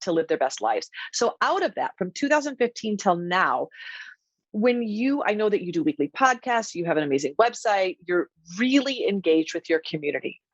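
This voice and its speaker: A woman's voice: medium pitch, big pitch swings, moderate pace, no echo, dull audio. A woman hosting an interview who talks in an effusive, complimentary way. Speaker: host.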